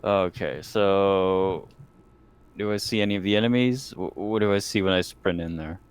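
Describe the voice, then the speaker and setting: A man with a very low voice chats as a player in a tabletop game. His talk is informal and sweary. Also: moderate pace, clear, resonant tone. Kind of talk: casual gaming chat.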